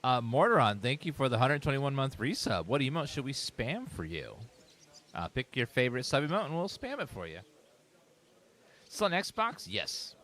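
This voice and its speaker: Bright-voiced, lively male game streamer. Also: medium pitch, brisk. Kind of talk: casual live stream commentary.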